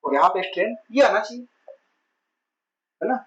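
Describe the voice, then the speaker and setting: A man's voice: sits high, lively intonation, normal speed, a bit bright, dull audio. A male physics teacher giving an exam-prep lecture in a chatty way, asking his students rhetorical questions and mixing English terms into his talk. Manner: mixes English terms into Hindi.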